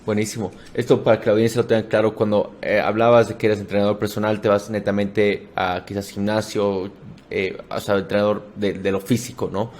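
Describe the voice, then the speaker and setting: Flat, low-voiced male podcast host. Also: fairly quick. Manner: conversational, short affirmations. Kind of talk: interview questions.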